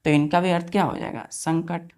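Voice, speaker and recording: A woman teaching a vocabulary lesson, spelling words out letter by letter and often asking the students if it is clear. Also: on the low side, steady tone, a little fast, a little mellow.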